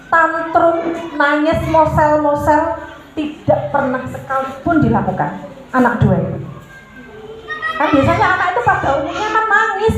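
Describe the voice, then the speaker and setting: A woman giving a religious parenting talk to mothers. She calls her listeners "Bunda" and answers her own questions. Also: sits high. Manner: mixes in Javanese words. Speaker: parenting speaker. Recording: very echoey hall with noise.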